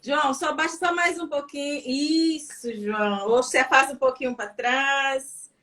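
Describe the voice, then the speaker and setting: A woman hosts a live online interview over a video call. Her voice sits a little high, and her delivery is effusive, full of faith-filled phrasing. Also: steady tone, moderate pace, crowd noise. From Espírito Santo, Brazil. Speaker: host.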